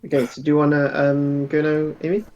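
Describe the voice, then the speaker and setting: A man running a tabletop game as game master, brisk and quick to laugh. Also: on the high side, monotone, darkish tone, dull audio.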